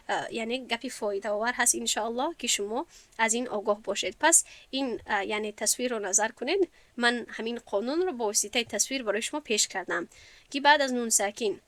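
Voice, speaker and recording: A woman with a Tajik Persian accent, teaching a classroom lesson and slowly stretching out example words as she explains them. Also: fairly high pitch, fairly bright tone, no echo. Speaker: Quran recitation teacher.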